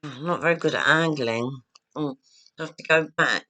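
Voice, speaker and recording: A woman's voice: deep voice, moderate pace, sharp tone. Rambling woman vlogging at home. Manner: chatty, rambling, self-deprecating. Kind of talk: casual chat to camera. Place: home, indoors, moving around the room. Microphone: phone or laptop camera, not a proper webcam.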